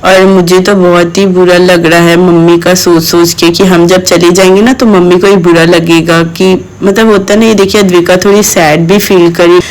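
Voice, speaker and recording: A woman's voice: lowish voice, flat delivery, moderate pace, few pauses, rough recording. A woman vlogger and mother narrating a family vlog voice-over, talking straight to her viewers in an emotional, fond way. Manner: keeps addressing viewers directly, emotional and fond.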